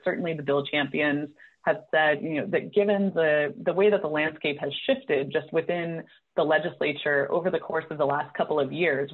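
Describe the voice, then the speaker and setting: A woman cannabis policy advocate with a voice that sits low speaks in a panel discussion held over a video call. The audio is tinny and phone-like.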